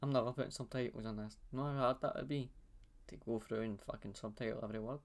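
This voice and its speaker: A Scottish man with a gravelly edge to his voice, chatting in a blunt, swearing, easygoing way. He sounds like a podcast host talking over a webcam call. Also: medium pitch, fairly even intonation, fast talker. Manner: sweary, blunt, laid-back banter. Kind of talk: casual chat. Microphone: webcam video call.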